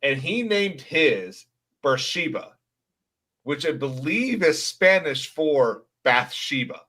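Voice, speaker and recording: A man's voice: fairly high pitch, big pitch swings, slow pace, pushed and bright. A man co-hosting a casual history podcast, talkative and full of asides. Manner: talkative, offers asides and opinions. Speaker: podcast co-host.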